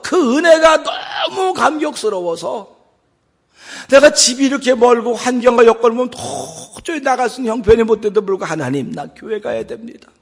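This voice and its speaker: A husky-voiced male pastor preaches a sermon in a church sanctuary, his voice sitting high for a man and swinging widely in pitch. He drops to near-whispers when he acts out a prayer, then surges back up to fervent exhortation. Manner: dramatic, swings from hushed acted prayers to loud exhortation.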